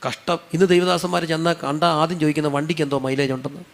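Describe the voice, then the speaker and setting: High-voiced man preaching, question and answer. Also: fairly even intonation, very fast, gravelly, long reverb tail. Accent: Malayali. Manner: asks the audience questions and answers them himself; conversational, humorous asides. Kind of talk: sermon.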